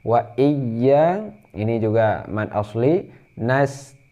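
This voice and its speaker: A man with an Indonesian accent teaching Quran recitation rules, explaining patiently and then chanting verses in a drawn-out higher voice. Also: lively intonation, mellow, highs cut off. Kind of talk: tajwid lesson with chanted recitation.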